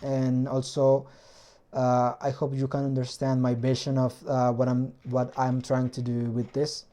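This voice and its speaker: This vlog features a Spanish-accented man, Spanish being his first language, loosely explaining a hobby engine build. His delivery is completely flat and mellow at a medium pitch, and he keeps pausing to hunt for words in his second language.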